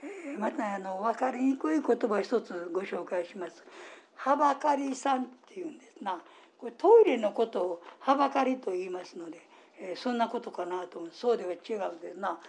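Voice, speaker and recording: A woman with a Kansai accent hosting a radio talk, explaining in a gentle, unhurried way with soft fillers. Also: medium pitch, animated. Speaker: radio host.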